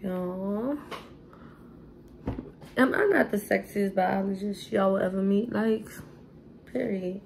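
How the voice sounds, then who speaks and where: A woman's voice: mid-range voice, slow, creaky, pauses often, darkish tone, a little hiss or hum, rough recording. A tipsy young woman, chatting casually through a makeup tutorial in a rambling, sassy way, swearing freely. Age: young adult. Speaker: beauty vlogger.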